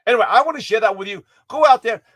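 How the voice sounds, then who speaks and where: A man with a high, fast, slightly hoarse voice gives his viewers a daily motivational pep talk. He rambles with energy, restarts and corrects himself mid-word, and keeps looping back to his point. The recording is dry and close, with no room sound.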